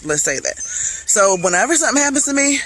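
Very animated and brisk, this Charlotte, North Carolina woman in her late thirties vlogs while walking a wooded trail, phone held at arm's length. Her voice runs on the high side, a bit bright and slightly rough, as she chats reflectively and motivationally to "y'all."

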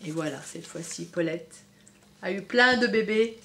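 A woman teacher reading a storybook aloud to young children, expressive and stopping to comment to them directly. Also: on the low side, measured pace, a little hiss or hum.

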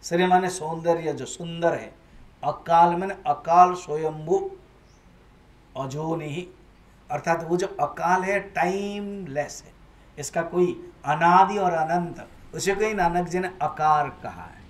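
A man's voice: on the high side, slow, reverberant. A man, a swami, giving a spiritual discourse at a home gathering, asking his listeners questions and mixing English words into Hindi. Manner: questions and prompts the listeners to repeat after him. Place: room in a private residence.

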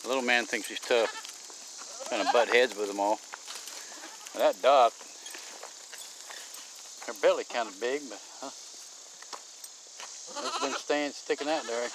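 A man's voice: medium pitch, slow, pauses often, noisy background. A man, talking casually and rambling with fillers while filming his homestead outdoors on a handheld phone. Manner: relaxed, rambling, drawling talk with many fillers. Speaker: homesteading vlogger. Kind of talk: casual vlog narration. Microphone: handheld phone camera.

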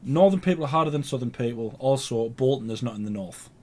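A man's voice: medium pitch, animated, fast talker, darkish tone. A young man with a Northern English accent, co-hosting a casual chat and ranting playfully with strong opinions. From northern England. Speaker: co-host.

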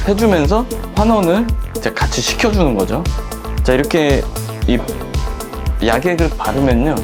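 A man, a hair salon director, explaining a perm process step by step in an instructional demonstration, with frequent fillers. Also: on the high side.

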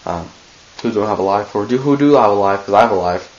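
A teenage vlogger records a goofy, rambling birthday message on a webcam held close to his face in his small bedroom, constantly interrupting himself. He talks fast in a lowish voice, and the recording sounds muffled.

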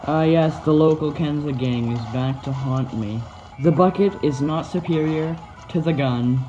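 Playful woman with a low voice, commenting on her own gameplay. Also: highs cut off. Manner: playful, self-mocking, bursts into excited yelps.

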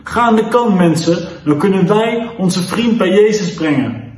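Man doing an urgent, pleading young friend in a storybook tale, raised and bright, echoey room. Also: high voice, lively intonation, unhurried, slight background noise.

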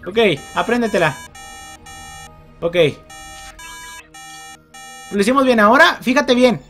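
A man with a Mexican accent commentating a video game he is playing. He is excitable, talks to the characters, and yells and groans when he fails. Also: extremely high pitch, slow pace, faint music behind. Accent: Mexican Spanish. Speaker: gameplay commentator. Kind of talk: let's play commentary.

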